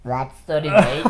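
Man, helium-squeaky voice, very slow, swooping pitch, casual challenge chat.

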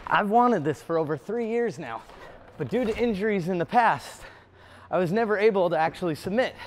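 A man's voice: high-pitched, lively intonation, brisk, slight background noise. A young man giving an earnest, determined audition monologue as an obstacle course competitor and coach.

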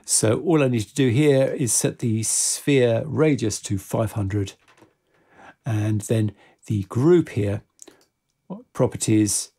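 In a slow, steady, lowish voice that is husky and gravelly, a man walks through software without a script. He works methodically, explaining every step along the way.

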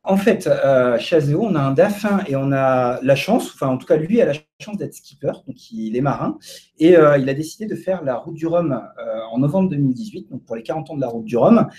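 A man's voice: a little high, expressive, fairly quick, a little mellow. A man giving a casual live presentation to an audience in a co-working space, hesitant and full of fillers and restarts. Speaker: presenter at a data meetup.

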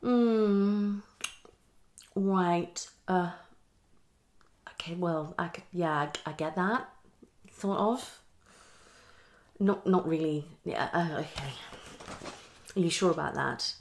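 A young woman with a lowish voice portrays a psychologist in an unscripted ASMR roleplay described as fast, yet she speaks slowly with long pauses over slight background noise. Recorded in a small home room, she sounds hesitant and inquisitive, repeating short phrases.

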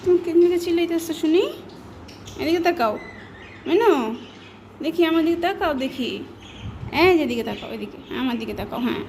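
A woman coos at her cats in fond baby talk, asking them the same soft questions over and over. Her voice sits high. A faint hiss runs under the home recording. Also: animated, a little fast, long pauses. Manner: cooing, coaxing, repeating questions. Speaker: cat owner.

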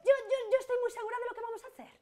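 A brash, know-it-all cleaning woman, played by an actress, in a stage comedy. Her voice is very high. She coaxes and bosses her friend along. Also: steady tone, racing, warm tone. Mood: coaxing. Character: bossy, scheming cleaning woman planning a heist.

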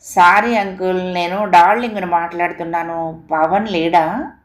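A woman's voice: fairly low pitch, fairly even intonation, unhurried, lightly acted. Sweet polite young caller, read by a woman. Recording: echoey room recording.

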